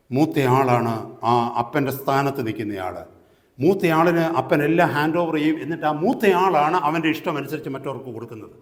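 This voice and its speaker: A male pastor preaching a sermon, swinging from quiet talk to loud rising exhortation and slipping slow English phrases into his preaching. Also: fairly high pitch. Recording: echoey hall sound.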